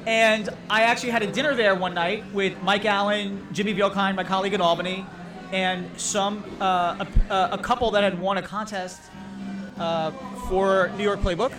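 A man who works as a political reporter, chatting casually as a podcast guest and telling animated stories. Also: sits high, normal speed, music in the background. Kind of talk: casual chat.

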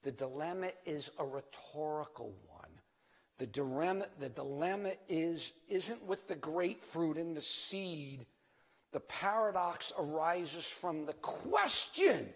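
A man's voice: fairly high pitch, expressive, measured pace, a bit bright. An older man giving a religious lecture in a rambling, digressive professorial way, with theatrical, emphatic rhetorical questions. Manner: rambling, digressive professor who loses his thread. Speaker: lecturing preacher. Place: large reverberant hall. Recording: echoey hall with long reverb.

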